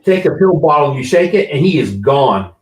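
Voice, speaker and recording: A man's voice: fairly high pitch, very animated, moderate pace, echoey room, rough recording. A man telling a story in a matter-of-fact way during a casual chat.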